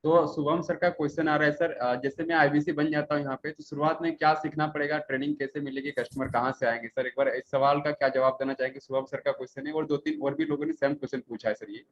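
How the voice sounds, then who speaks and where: A man's voice: on the high side, steady tone, fast talker, hardly any pauses. A man moderating a live webinar, politely reading out viewer questions and thanking the guest. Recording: dull lo-fi sound with faint noise.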